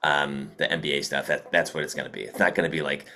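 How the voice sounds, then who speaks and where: A man's voice: rumbling low, level tone, quick pace, sharp tone. A middle-aged man from the Philadelphia area with a Delco accent, co-hosting a casual podcast and rambling through stories. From Delaware County, Pennsylvania. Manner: rambling, storytelling, frequent likes and ums. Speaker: podcast co-host. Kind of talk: casual chat.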